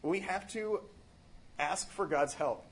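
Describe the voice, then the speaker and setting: Earnest man, somewhat higher voice, husky texture, casual rambling spiritual talk. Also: slow. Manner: earnest, rambling with fillers and restarts. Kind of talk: casual spiritual reflection on a book.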